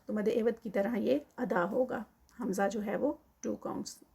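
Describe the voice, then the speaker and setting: A woman teaching Quran recitation. She chants verses slowly and drawn out, then explains the rules quickly, mixing in English counting terms. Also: fairly high pitch, gravelly, mellow, husky. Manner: mixes English counting terms into her speech.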